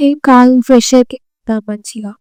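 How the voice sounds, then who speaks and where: A woman plays a friendly neighbor in a short film, cheerfully pushing her friend to hurry up. Her voice is high and dry. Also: fairly even intonation, fairly quick, darkish tone, clean tone, no room sound, natural voice.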